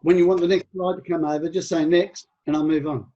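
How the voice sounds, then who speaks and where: Mellow man on muffled call audio. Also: fairly high pitch, little pitch movement, fast talker. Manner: helpful, reassuring. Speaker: meeting organizer sharing slides. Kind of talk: online meeting talk.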